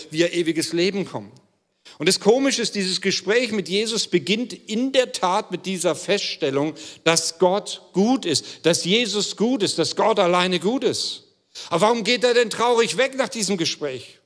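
A man preaching a sermon as pastor, speaking earnestly and emphatically straight to his listeners. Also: high voice. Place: church hall. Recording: long church-hall reverb.

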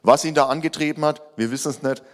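A man preaching a sermon. He is animated and raises his voice to act out quoted lines, then drops low and quiet for emphasis. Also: fast talker. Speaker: pastor.

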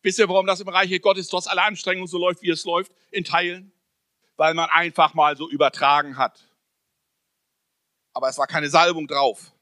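A man preaching a sermon to a congregation, asking rhetorical questions and swinging between loud emphasis and soft, close-up speech. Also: fairly high pitch, level tone, fairly quick, dry recording. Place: church service hall.

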